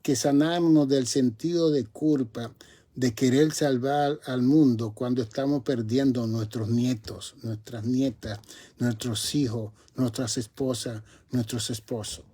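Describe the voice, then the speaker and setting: A man's voice: mid-range voice, fairly even intonation, a little slow, mellow, husky. A man, a pastor preaching a sermon, rising to emphatic peaks and stretching out key words.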